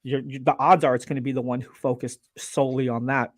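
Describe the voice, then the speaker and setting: An earnest man speaks as a guest on a live stream, animated and quick to restart his sentences. His voice sits at an ordinary middle pitch, and the sound is close and dry with no room echo, as over a video call. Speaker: guest, laser business owner. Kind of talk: casual live-stream interview.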